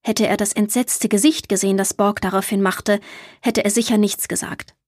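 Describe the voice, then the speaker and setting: A woman narrating a children's storybook in a calm, clear storytelling manner. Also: medium pitch, normal speed, no room sound, studio quality. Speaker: audiobook reader.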